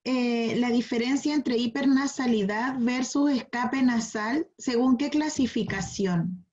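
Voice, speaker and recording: A woman's voice: fairly high pitch, a little slow, a little mellow, lo-fi sound. A woman moderating an online lecture, relaying audience questions to the speaker in a brief, practical way. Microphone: video call.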